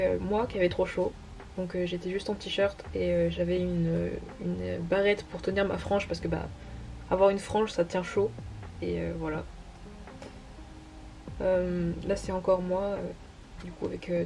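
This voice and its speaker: A young woman vlogger with a warm, fairly low voice casually walks viewers through her sketchbook pages. She hesitates a lot, fills gaps constantly, and laughs at her own expense.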